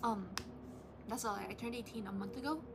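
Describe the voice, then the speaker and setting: A woman's voice: fairly high pitch, fairly quick, over loud music. An eighteen-year-old woman talking candidly in her vlog, venting with frustration and swearing freely. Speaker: vlogger.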